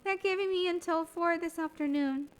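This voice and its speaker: A sincere young apprentice medium from a video game pleads politely for help, voiced by a woman. The voice sits well above an ordinary woman's pitch and stays soft and earnest throughout. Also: moderate pace. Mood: pleading. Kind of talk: reading game dialogue aloud in character.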